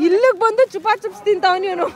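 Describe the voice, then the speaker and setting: A woman's voice: very high voice, fast. A woman vlogging on a walking pilgrimage, chatty and teasing, mixing English into her talk. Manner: chatty, teasing, switches between Kannada and English. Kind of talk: casual travel vlog with narration. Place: outdoors at a crowded pilgrimage camp. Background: crowd chatter.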